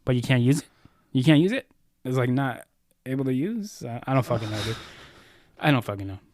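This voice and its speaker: A man co-hosts a podcast in easy, sarcastic banter, swearing often and breaking into laughter. His pitch is average for a man. The recording is close-miked and dry. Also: lively intonation, a little fast, darkish tone, no echo. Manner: profane, sarcastic, laughs easily. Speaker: podcast co-host. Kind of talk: casual chat.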